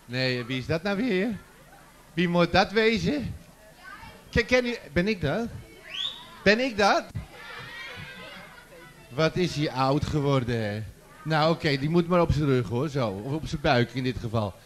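A man's voice: fairly high pitch, sing-song, a little slow, long pauses, slight background noise. A man presenting a children's song contest on stage in a large festival tent, joking and teasing the audience into a handheld microphone. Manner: jokey, chatty, teasing the audience. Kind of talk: live stage hosting.

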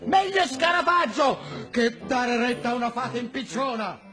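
High, swooping, blustering wolf. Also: male voice, expressive, moderate pace, pushed and bright, heavily acted. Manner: exclamatory, self-pitying, grandiose. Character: blustering, hungry, scheming male wolf in children's fantasy. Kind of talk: theatrical children's television acting. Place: indoor television studio set.

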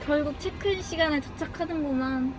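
A woman's voice: high voice, a little fast, over loud music. A woman casually vlogging a solo trip, often talking to herself in muttered asides. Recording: noisy street and vehicle ambience. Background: outdoor and vehicle noise.

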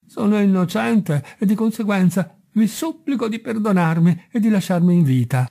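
A man voicing a frightened male merchant in a storybook reading, pleading slowly with a tremble. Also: sits high, creaky, mellow, voice pushed up. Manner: slow, trembling pleas.

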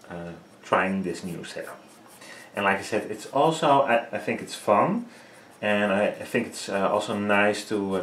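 Speaking English as his third language after Dutch and Frisian, a Dutch-accented man in his thirties paints while hosting a casual studio vlog. His voice is lowish, and he's hesitant, full of fillers, often searching for words. He records indoors in a small home art studio that echoes.

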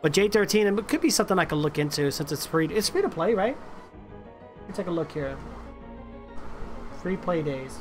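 Gamer bro streamer over music. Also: male voice, high-pitched, expressive, normal speed, pauses often. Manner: gamer bro, slangy and chummy with viewers. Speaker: game streamer. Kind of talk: casual live-stream chat while gaming. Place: indoor room at a streaming setup.

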